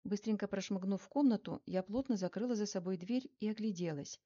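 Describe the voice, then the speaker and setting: A woman reading first-person narration for an audiobook, measured and even. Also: medium pitch, highs cut off.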